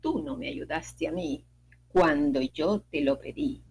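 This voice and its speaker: A woman's voice: creaky, darkish tone, a little hiss or hum, heavily acted. Woman voicing cold reproachful stream water. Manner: low, slow, reproachful.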